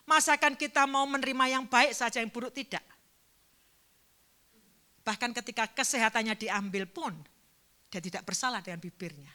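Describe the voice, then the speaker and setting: A woman pastor with a slightly high voice preaches during a church service. Recounting a personal story with emotion, she swings between fervent and hushed speech.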